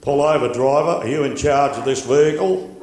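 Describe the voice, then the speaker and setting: An Australian man impersonating a male traffic cop with slow, clipped, monotone police-speak. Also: mid-range voice, lightly acted. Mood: officious. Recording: echoey hall with faint ambience.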